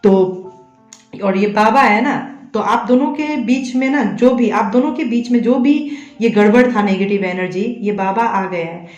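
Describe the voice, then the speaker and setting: A woman's voice: mid-range voice, unhurried, reverberant, muffled recording, faint music behind. A woman speaks to viewers as a tarot reader and psychic medium, coaxing them along and checking again and again that they follow. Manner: coaxing, repeats a tag question to check the listener follows. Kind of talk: addressing viewers directly in a tarot reading.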